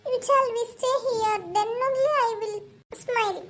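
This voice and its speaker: A small, sweet girl in a cartoon who speaks in a slow, sing-song way. Her voice is squeaky and very high, and she talks slowly and tenderly to her parents. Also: steady tone, exaggerated voice. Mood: pleading. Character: sweet little girl, loving and tearful. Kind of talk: cartoon voice acting.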